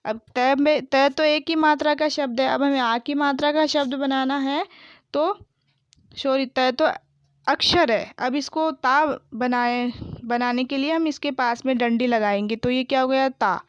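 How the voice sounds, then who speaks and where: A woman teacher reading words aloud slowly one at a time, then explaining each one and quizzing the listener. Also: high-pitched, fairly even intonation, clear, resonant tone, no room sound, dull audio. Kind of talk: slow word-by-word reading lesson.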